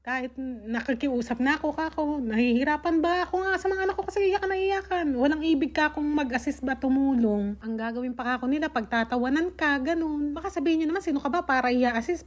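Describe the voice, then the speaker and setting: A young woman from the Philippines telling her viewers a personal travel story in a casual, animated way, acting out what people said to her. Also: high-pitched.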